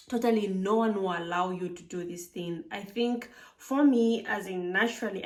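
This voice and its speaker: A woman's voice: mid-range voice, distant mic. A woman from Zambia, giving chatty advice in a casual vlog and filling her talk with "like". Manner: chatty, frequent "like" fillers, emphatic. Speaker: vlogger living abroad.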